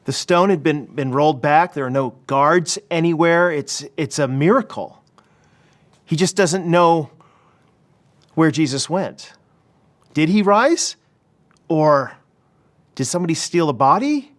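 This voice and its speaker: A pastor preaching at a church service, retelling a story in a lively way with frequent restarts. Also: male voice, on the high side, measured pace, pauses often. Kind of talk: sermon.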